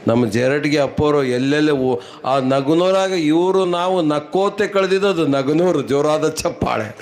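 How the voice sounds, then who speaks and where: A man with a North Karnataka Kannada accent and a high voice delivers rhyming folk comedy from a stage at a religious gathering. He spins stories and playfully teases his listeners. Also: normal speed, darkish tone. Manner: rhyming, storytelling, playfully teasing the audience. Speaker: comedian and mimicry artist.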